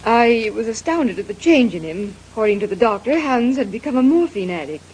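A woman's voice: a little high, very animated, a little fast, a little mellow, slight background noise, rough recording. A vain, bored society woman. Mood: haughty. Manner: haughty, languid. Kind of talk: old-time radio drama.

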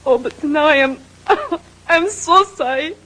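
An actress playing a tearful young French maid in an old-time radio drama, speaking halting broken English with a French accent. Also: female voice, high-pitched, sharp tone, heavily acted, poor audio.

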